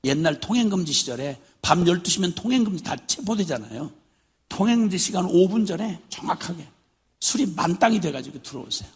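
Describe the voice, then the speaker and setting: A man's voice: high-pitched, animated, fairly quick, husky. An older man preaching a sermon as a missionary, telling stories with humor and acting out voices. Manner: storytelling with humor, acting out his father's drunken shouts.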